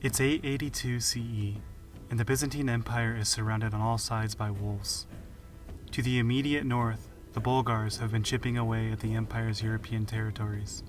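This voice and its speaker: A man hosting a history podcast, telling it in measured, dramatic scripted narration. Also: medium pitch, fairly even intonation. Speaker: podcast host. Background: music.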